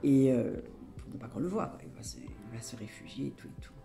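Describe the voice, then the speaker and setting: A woman telling a bedtime folktale in a lively, conversational way with asides to listeners. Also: a bass voice, brisk, gravelly, faint music behind. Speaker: storyteller.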